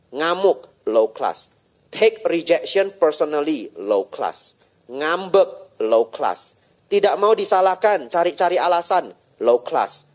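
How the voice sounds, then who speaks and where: A man, a Buddhist monk, giving a lively, teasing sermon with rhetorical questions and English phrases mixed in. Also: a little high. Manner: drops English phrases into his talk. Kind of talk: sermon to a live audience.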